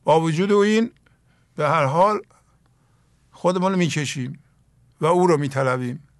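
A middle-aged man with an Iranian Persian accent, slowly reciting mystical poetry and explaining it in a plain sermon. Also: on the high side, no echo, clean studio sound. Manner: slow, emphatic recitation of verses then plain explanation. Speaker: spiritual teacher.

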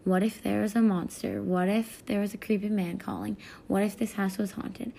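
A woman narrating a first-person scary story in a hushed way, often sinking into a whisper. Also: mid-range voice, flat delivery, moderate pace, creaky, a little hiss or hum.

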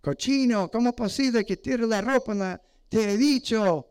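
A man's voice: very high-pitched, normal speed, darkish tone, smooth, pitched above the performer's own voice. A man voicing a nagging parent who scolds a child, in a sermon. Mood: scolding.

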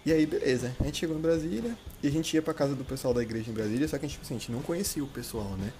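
A man co-hosting a podcast, telling a story in a relaxed, rambling way. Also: mid-range voice, very fast. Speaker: podcast co-host. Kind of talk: casual storytelling chat.

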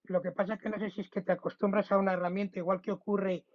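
A man co-hosting a podcast in casual chat, pausing to search for words. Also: sits high, little pitch movement. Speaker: podcast co-host. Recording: dull lo-fi podcast audio.

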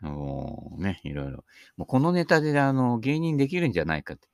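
A man's voice: medium pitch, big pitch swings, fairly quick, darkish tone, no echo, clean studio sound. An older man missing his front teeth gives a casual, humorous, rambling monologue, chatty and self-deprecating. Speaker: speaker giving talks on Buddhist sayings.

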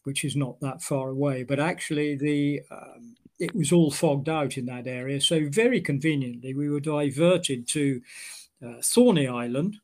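Older British man, halting dry storyteller. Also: on the high side. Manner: halting, many restarts and fillers, dry humor. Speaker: interviewee, former Royal Marines officer. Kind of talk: oral history interview.

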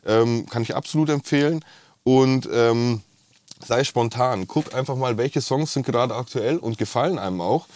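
A man's voice: mid-range voice, moderate pace, a little mellow, no echo. A man with a rolled R, talking casually and enthusiastically as a musician being interviewed. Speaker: musician, singer-songwriter guest.

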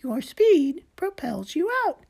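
A woman's voice: high voice, big pitch swings, takes it slowly, gravelly, mellow, pitched above the performer's own voice, full character voice. A woman voicing an eager, cheerful little male gecko who coaches his friend in a storybook reading, chirpy and encouraging.

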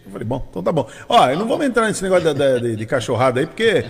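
Lively Brazilian radio host with a husky voice. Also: male voice, a little high, very fast, long reverb tail. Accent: Brazilian Portuguese, São Paulo. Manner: animated, chatty, laughs often. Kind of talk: casual radio chat.

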